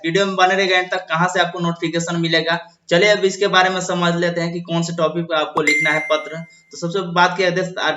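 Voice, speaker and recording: A man's voice: a little high, bright, forceful tone. A man hosting an explainer video, reading out an official notice and restating each point with fillers and restarts. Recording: echoey room, dull lo-fi sound.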